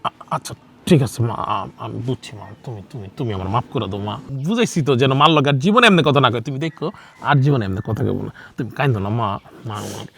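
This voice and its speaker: In a TV drama, an actor plays a meek young son and husband torn between his mother and his wife, stammering and coaxing in a pleading mood. His voice is mid-range, animated and fast.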